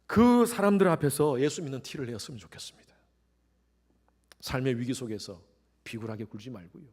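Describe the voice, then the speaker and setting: A middle-aged male pastor preaching a sermon, swinging between quiet, intimate lines and sudden loud rises, and acting out the voices he quotes. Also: medium pitch, a little fast. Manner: acts out quoted voices with animated shifts.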